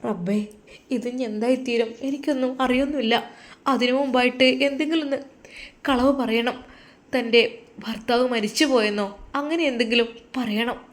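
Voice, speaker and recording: A woman's voice: on the high side, moderate pace, close to an everyday voice. A woman voicing a frightened young woman murmuring her worried thoughts. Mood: fearful.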